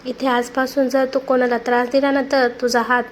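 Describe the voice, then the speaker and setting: Woman voicing a blunt fearless young girl, storybook, higher-pitched. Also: little pitch movement, moderate pace, slight background noise, natural voice. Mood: furious. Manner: blunt, fiery when provoked. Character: bold young female newcomer, fearless.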